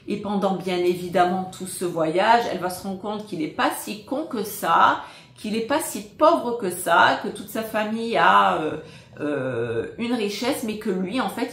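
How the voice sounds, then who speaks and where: A woman casually recommending films she likes, hesitant and full of filler pauses but enthusiastic. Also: medium pitch, echoey room. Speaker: film recommender. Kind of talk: casual spoken film recommendations.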